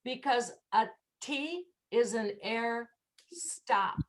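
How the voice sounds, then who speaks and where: A woman's voice: fairly high pitch, animated, drawn-out words, noisy background. A woman teaching English pronunciation in an online class, patiently demonstrating sounds. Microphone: video call.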